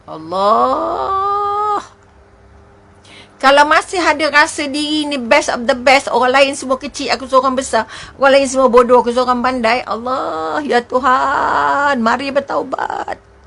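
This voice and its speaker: A woman with a Malaysian Malay accent gives an emotive religious talk packed with rhetorical questions and exclamations. Her high voice is fairly bright and steady, delivered a little fast.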